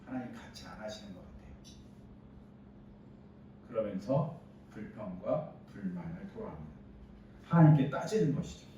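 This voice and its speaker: A man's voice: fairly low pitch, big pitch swings, moderate pace, long pauses, warm tone, slight background noise. A pastor preaching a Bible sermon. He explains the scripture and acts out its quoted lines with rising emphasis. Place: church sanctuary. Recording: distant roomy church recording, dull sound.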